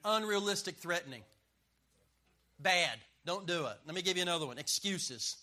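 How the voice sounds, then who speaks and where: High, piercing middle-aged preacher man. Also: lively intonation, normal speed, bright, forceful tone. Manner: emphatic, punchy and joking, with call-and-response. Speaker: pastor. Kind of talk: sermon.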